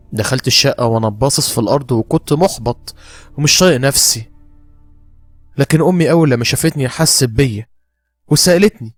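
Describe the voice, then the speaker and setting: An Egyptian man narrates a first-person horror tale in a low, subdued, heavy-hearted voice with an Egyptian Arabic accent. The voice-over is close and dry, with faint music underneath. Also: no room sound. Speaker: storyteller.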